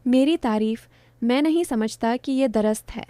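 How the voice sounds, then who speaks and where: Woman calmly reading a romance novel. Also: fairly high pitch, clean tone, no echo. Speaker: narrator. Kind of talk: reading a romance novel aloud, first person.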